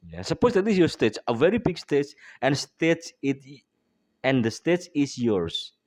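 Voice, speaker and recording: A man's voice: a little high, sing-song, unhurried, a little mellow, no room sound. Indonesian man teaching with a runny nose. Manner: mixes Indonesian and English, frequent tag "ya". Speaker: English teacher. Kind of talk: bilingual speaking lesson.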